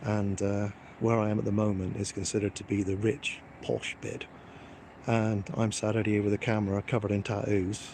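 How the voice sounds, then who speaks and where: A man's voice: on the low side, flat delivery, normal speed, a little mellow, a little hiss or hum. A man, live-streaming from his phone outdoors by the water, chatting casually with his viewers in a cheeky, joking, self-mocking way. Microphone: phone held in hand.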